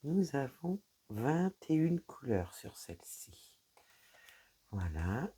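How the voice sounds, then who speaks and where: An extremely low, mellow, husky female voice moves slowly with big swings in pitch. In a casual crafting unboxing, the vlogger addresses viewers directly while handling items, frequently using "voilà" and "donc".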